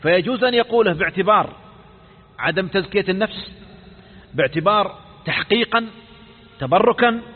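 A man teaching a creed lesson, asking the class quick check questions and restarting phrases with false starts. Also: high voice, lively intonation. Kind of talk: recorded religious lesson. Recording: tinny phone-like audio with hall reverb.

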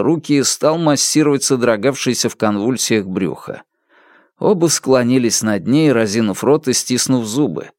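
A man's voice: mid-range voice, darkish tone, no room sound, studio quality. A man reading a novel aloud as an audiobook narrator, telling the story expressively.

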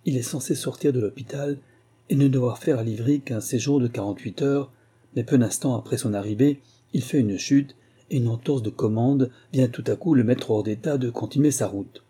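A man reading a first-person memoir aloud, in measured, even storytelling. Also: mid-range voice, slightly rough. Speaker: audiobook narrator. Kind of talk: scripted narration.

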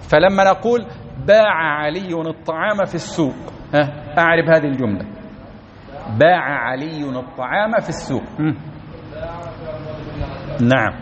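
Male teacher, higher voice, repeats and checks the class, dull lo-fi tape. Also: normal speed, long pauses, a bit bright. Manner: explains step by step, repeats key words, keeps checking the class understands. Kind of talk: classroom grammar lesson. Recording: dull lo-fi recording.

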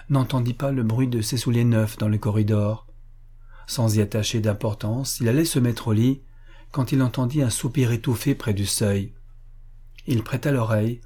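A man reads a classic novel aloud at a measured, even pace. His voice is mellow and somewhat husky. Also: medium pitch. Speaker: audiobook narrator. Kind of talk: literary audiobook reading.

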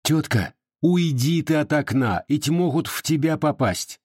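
A fiery young Cossack woman, high-pitched and husky, speaks with sharp impatience, as a male reader puts her on. The sound is dry and close. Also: animated, a little slow, no echo. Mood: pleading. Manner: sharp, pleading and snappish. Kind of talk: audiobook character voicing.

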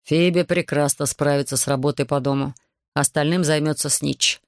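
Reading an audiobook in a low voice at a moderate pace, a woman voices a wealthy plantation master who stays calm and unruffled. He speaks smoothly and patronizingly, and the studio-quality recording has no echo.

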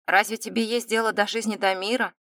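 A woman voicing a reserved young male viscount in an audiobook, with calm, restrained delivery. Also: mid-range voice, brisk, dry recording, clean studio sound, natural voice. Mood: guarded. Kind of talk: audiobook character reading.

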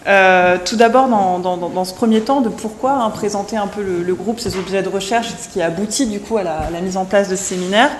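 Woman, academic seminar talk, hesitant, lots of fillers, middle pitch, echoey room. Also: fairly quick, hardly any pauses, a little hiss or hum. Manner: hesitant, many fillers and restarts; speaking loudly for a remote listener. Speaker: seminar presenter.

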